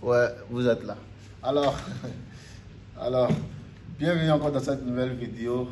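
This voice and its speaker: A man's voice: medium pitch, fairly even intonation, a little slow, a little mellow. Chatty man, casual lesson, frequent "ok?" check-ins, a little far from the mic, faint background noise. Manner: chatty, checks in with "ok?" after nearly every point. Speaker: Mandarin teacher on a video channel.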